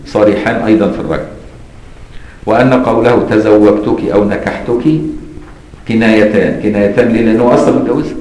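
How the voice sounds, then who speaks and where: A fairly low-voiced man with an Egyptian accent teaches jurisprudence in a casual, explanatory way. He checks in with his students again and again. The room around him rings with echo. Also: darkish tone. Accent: Egyptian Arabic. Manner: explains in colloquial asides and keeps asking "got it?". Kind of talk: classroom lesson on a legal text.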